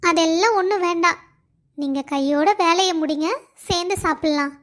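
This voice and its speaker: A woman's voice: extremely high pitch, normal speed, fairly bright tone. A woman voicing a loving young wife who pleads and complains of being alone. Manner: pleading, plaintive.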